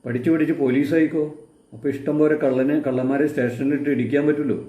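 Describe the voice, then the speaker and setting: A man's voice: medium pitch, steady tone, fast, phone-quality sound, close to an everyday voice. Male reader as a proud, dismissive old grandfather, curt delivery, echoey room sound. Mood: stern. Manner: curt, scornful storyteller's reading. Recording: roomy echo.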